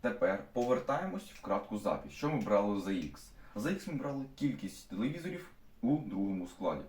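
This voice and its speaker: Teacher, male, young adult, low voice. Explains problems step by step. Recorded from a distance in an echoey classroom. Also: sing-song, a little fast, darkish tone. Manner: stops often to restate steps with fillers. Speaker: math teacher. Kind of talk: explaining math problems to students. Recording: echoey room, mic at a distance.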